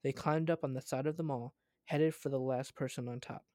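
A man's voice: mid-range voice, fairly even intonation, brisk, darkish tone, no echo. A man reading a story aloud, often stumbling and correcting himself as he goes.

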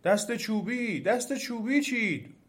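A man voicing a chorus of enchanted garden trees that shout in alarm. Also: expressive. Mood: shrill alarm. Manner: shrill alarmed shouting in unison.

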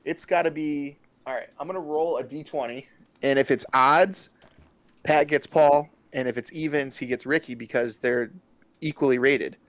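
A man's voice: fairly high pitch, moderate pace, no room sound. A man co-hosting a podcast, rambling and hesitating casually, laughing often during a fantasy draft. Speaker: podcast co-host.

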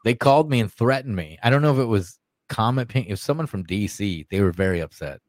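A man hosting a casual podcast, talking in a crude, mocking and animated way. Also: fairly low pitch, fast, no echo. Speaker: podcast host. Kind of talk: casual profane chat.

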